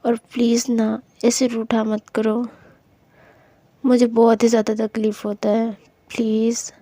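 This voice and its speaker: A woman's voice: high-pitched, steady tone, a little slow, dark tone, dry recording, pitched above the performer's own voice. A woman voicing a young woman in love who apologizes, coaxes and pleads with her upset girlfriend in a storytelling reading. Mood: soft whisper.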